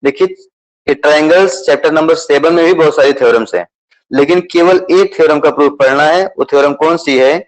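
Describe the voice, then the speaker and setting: A male math teacher with a slightly high voice talks fairly quickly on a rough recording, explaining a syllabus to students. Speaking Hindi mixed with English terms, he's patient and repetitive, often checking the class's understanding with questions.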